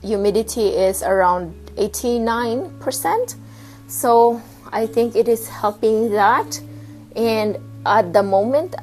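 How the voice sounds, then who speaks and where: A woman vlogging casually at home, showing her houseplants and pausing to hunt for words. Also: fairly high pitch, rough recording. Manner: chatty, pauses to hunt for words. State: slightly out of breath. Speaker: plant vlogger. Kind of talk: casual show-and-tell vlog. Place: home with plant shelf, indoors.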